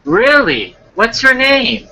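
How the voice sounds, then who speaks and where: A bashful young woman on a first date, as a man puts her on in a raised, falsetto-ish voice. She is slow and halting, with a very bright, forceful tone. It is an amateur fan-story reading between friends. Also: huge pitch swings, exaggerated voice, poor audio. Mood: sweet, curious. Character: shy sweet young woman on a blind date.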